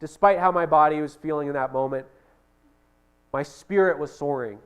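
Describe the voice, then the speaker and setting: A middle-aged man preaching a sermon in an earnest, halting way, with restarts and fillers, dropping soft when quoting prayers. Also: a little high, smooth, lo-fi sound.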